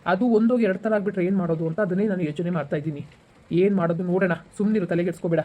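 A man playing a calm, reassuring husband in an amateur village family drama. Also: high voice, rapid-fire, highs cut off. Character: gentle, patient rural husband.

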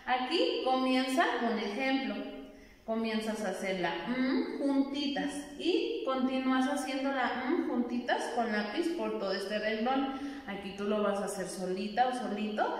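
A kindergarten teacher, singing and guiding small children through a lesson in a sing-song, encouraging way. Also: female voice, on the high side, measured pace. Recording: echoey room, far from the mic.

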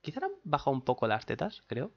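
A young man, reacting to a trailer late at night, excitable and swearing while trying to keep quiet. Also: medium pitch, fast talker, gravelly, dull audio. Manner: excitable, swearing, holding back shouts. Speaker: reaction channel host.

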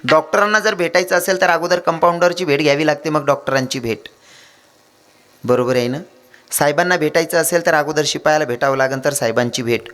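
Animated Khandeshi Marathi kirtan preacher, man. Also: on the high side, fairly quick, faint music behind. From India. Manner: animated storytelling with acted voices and jokes. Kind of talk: humorous devotional kirtan sermon.

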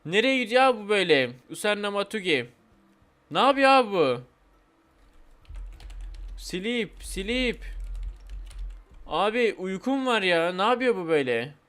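A man's voice: sits high, sing-song, brisk, fairly bright tone, clean tone. A man hosting a gaming channel, chatting playfully and whining comically through casual game commentary. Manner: playful, whiny, says "abi" and "vallahi" often.

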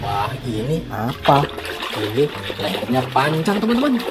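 A woman's voice: very deep voice, sing-song, unhurried, noisy background. A woman hosting a children's toy reveal, talking in a playful, exclamatory way like a kids' party magician presenting surprises. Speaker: children's toy video host.

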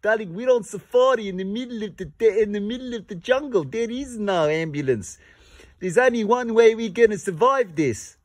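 Comic skit: fussy, overdramatic doll husband, played by a man, high voice. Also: lively intonation, normal speed, no room sound. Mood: fretful. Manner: overwrought, theatrical. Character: melodramatic doll man lost on safari. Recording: faint music behind.

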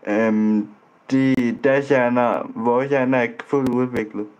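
A male vlogger in casual online chat, speaking at a middle pitch. He is blunt and teasing, and he stumbles and restarts his sentences as he goes. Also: fairly even intonation, a little mellow, highs cut off, a little hiss or hum. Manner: blunt, teasing, trips over words and restarts. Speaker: vlogger chatting with strangers online.

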